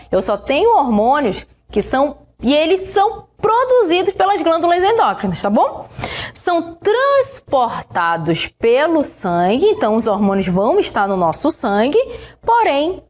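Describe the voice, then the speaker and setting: Lively high-voiced Brazilian woman teacher. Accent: Brazilian Portuguese. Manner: explains slowly, checks in with "né?" and "tá bom?". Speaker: science teacher. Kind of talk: recorded online lesson.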